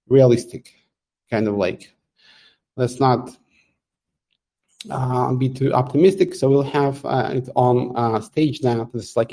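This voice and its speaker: Male host, middle-aged, warm low-key voice, halting and filler-heavy live Q&A delivery. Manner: halting, many fillers and restarts, occasional laughs. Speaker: AMA host answering community questions. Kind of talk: casual live Q&A.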